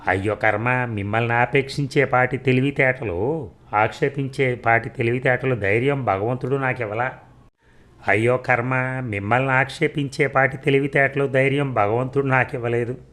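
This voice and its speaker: A man's voice: mid-range voice, steady tone, moderate pace, fairly bright tone, close to an everyday voice. A man voicing a resentful, weary middle-aged housewife who answers in bitter, clipped retorts in a storybook reading.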